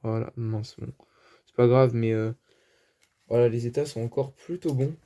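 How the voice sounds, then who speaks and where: A man's voice: mid-range voice, fairly even intonation, moderate pace, dark tone. A man with a French accent presenting his card collection in a casual, hesitant chat full of fillers. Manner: chatty, hesitant, many fillers. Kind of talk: casual show-and-tell.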